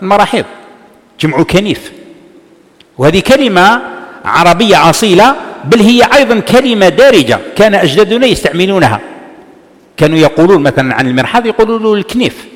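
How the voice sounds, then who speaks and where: A man's voice: high voice, lively intonation, fast talker, long pauses. Man teaching, reverberant hall. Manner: explanatory, poses rhetorical questions and answers them himself. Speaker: religious teacher. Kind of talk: classroom lesson explaining a hadith text. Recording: long reverb of a large hall.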